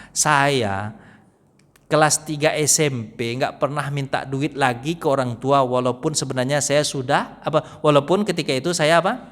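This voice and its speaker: A man preaching a morning study sermon in a mosque, chatty and full of questions to the audience, often acting out the people he quotes in a lower voice. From West Sumatra. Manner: conversational, keeps asking the audience questions. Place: mosque hall. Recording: long reverb in a mosque hall.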